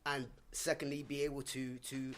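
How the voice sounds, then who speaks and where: Man, panel guest, measured, reflective, mid pitch. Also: flat delivery, slight background noise. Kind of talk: panel discussion.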